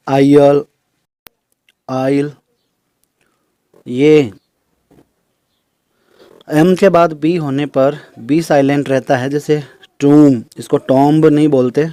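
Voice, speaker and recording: A man teaching English pronunciation in a recorded lesson, explaining slowly and listing example words one by one. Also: a little high, mellow, smooth, no echo. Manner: explains slowly, repeats terms in Hindi and English.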